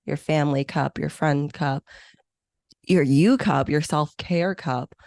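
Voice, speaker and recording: Sitting low and slightly mellow, this woman's voice moves slowly, captured as clean studio sound with no echo. She's in her thirties, a meeting planner born in Hong Kong who grew up in the U.S., first language Chinese or Vietnamese, and as an interview guest she's enthusiastic, reflective and full of fillers.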